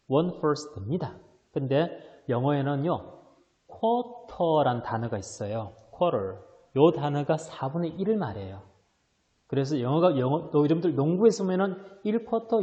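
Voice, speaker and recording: A male high school English teacher giving a recorded online lesson, explaining step by step and answering his own questions. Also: mellow, long reverb tail, dull audio. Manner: mixes English readings into Korean explanation.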